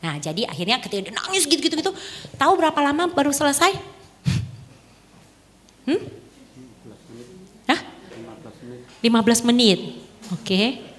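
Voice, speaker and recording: A woman giving a lively storytelling talk to an audience, laughing often and acting out the voices in her story. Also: high voice, normal speed, long pauses. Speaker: dharma talk speaker. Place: temple hall. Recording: reverberant hall.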